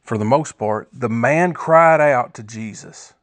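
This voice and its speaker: A man's voice: medium pitch, unhurried, fairly bright tone, dry recording. Guy doing a casual bible talk, earnest, rambly, dry close sound. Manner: earnest, conversational, rambling with self-corrections. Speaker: podcast host sharing devotional notes. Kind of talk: informal devotional talk.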